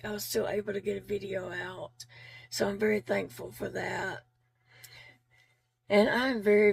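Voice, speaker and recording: A woman vlogger speaks to her viewers with earnest gratitude, though her voice is losing out, raspy and fading, with heavy gravelly fry running through every phrase. Her mid-range voice is a little mellow, and she circles back over her words with relaxed fillers in this casual, heartfelt chat. There's slight background noise.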